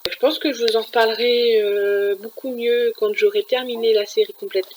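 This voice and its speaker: A woman's voice: on the high side, fairly even intonation, normal speed, poor audio. A woman talking casually about her week's manga reading, chatty and full of fillers and restarts. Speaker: manga reviewer. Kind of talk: casual chat.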